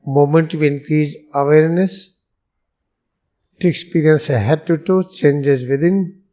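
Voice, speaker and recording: Guiding a meditation as a yoga guru, an Indian-accented man speaks with a fairly high, warm voice, his phrases solemn, deliberate, measured, and broken by pauses.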